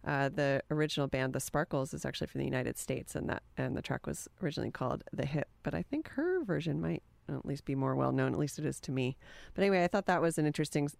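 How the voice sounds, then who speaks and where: A woman hosts a college radio music show from a studio, her voice sitting low and gravelly with no room sound. Between songs she back-announces and chats in an easygoing, meandering way, enthusiastic about old records.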